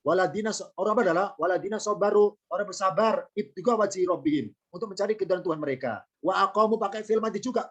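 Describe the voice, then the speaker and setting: A man's voice: high-pitched, slightly rough. A man with an Indonesian accent giving an online lesson on Quranic Arabic grammar, posing questions and answering them himself, with light jokes. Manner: explanatory, asks and answers his own questions, light joking. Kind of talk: online lecture.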